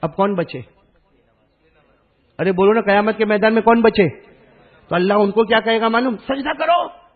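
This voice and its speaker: A male preacher giving a sermon to a live gathering, calling out for the crowd to repeat after him and chanting verses slowly, moving between hushed talk and loud calls. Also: high voice, steady tone, narrow, tinny audio. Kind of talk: sermon with call-and-response.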